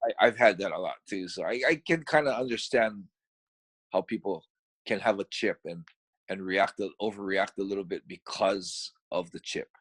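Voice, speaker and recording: A middle-aged man from Hawaii with a Hawaiian accent, talking as a guest in a casual interview. He speaks in a relaxed, rambling way, restarting his sentences often. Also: deep voice, moderate pace, dry recording.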